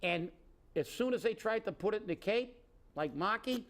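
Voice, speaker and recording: A man with a high-sitting, animated voice co-hosts a local political talk show, speaking at a moderate pace. His opinionated, casual political chat turns into an indignant, sarcastic rant that rambles and restarts.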